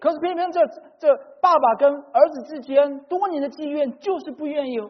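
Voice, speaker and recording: A man preaching a sermon in short phrases, pausing for an interpreter. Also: very high voice. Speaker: pastor. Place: church hall. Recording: dull recording in a reverberant hall.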